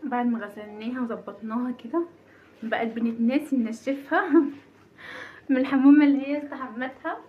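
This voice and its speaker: A woman's voice: sits high, steady tone, brisk, slight background noise. A woman in her thirties with an Egyptian accent, a mother chatting casually in a home vlog, nervous and self-mocking. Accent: Egyptian Arabic. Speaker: vlogger, mother. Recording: dull lo-fi home recording.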